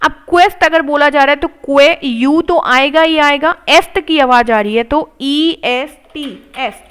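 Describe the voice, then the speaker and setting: A woman's voice: high voice, fairly bright tone, low-quality recording. A woman teaching an English reading lesson, drilling words one at a time and explaining in Hindi mixed with English. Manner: slow word-by-word drilling, mixing Hindi and English.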